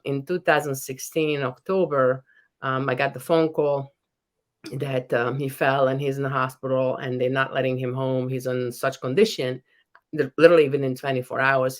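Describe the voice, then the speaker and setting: A very deep-voiced, middle-aged Hungarian woman with a Hungarian accent appears as a guest in a podcast interview. She is a professor and author who speaks earnestly and keeps restarting her sentences.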